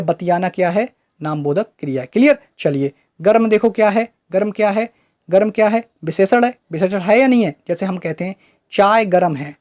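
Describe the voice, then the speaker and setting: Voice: medium pitch, a little mellow. A teacher giving an online exam-prep grammar lesson, quizzing listeners with questions they then answer and checking in with "right?" after nearly every point. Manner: keeps checking understanding with "right?" tags.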